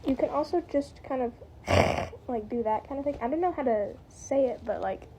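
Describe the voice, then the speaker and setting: A woman's voice: high-pitched, expressive, moderate pace, highs cut off, noisy background. A woman giving a casual, rambling spoken tutorial, hedging with lots of "like" and "kind of". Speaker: tutorial maker.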